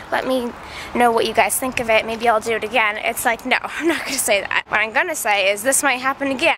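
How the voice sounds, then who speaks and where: Her voice sits on the high side and sounds stuffy from a cold as this video creator walks city streets, talking into a handheld camera held close. In a casual, rambling vlog she tells animated stories and acts out quotes, with outdoor street noise and passing traffic behind her.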